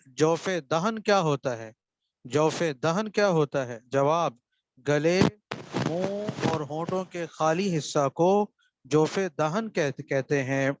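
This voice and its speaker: A man's voice: a little high, no room sound, dull audio. A man with a Pakistani Urdu accent teaching the rules of Quran recitation in an online class. He patiently repeats each answer and checks that the students follow. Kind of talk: online lesson, reading out questions and explaining.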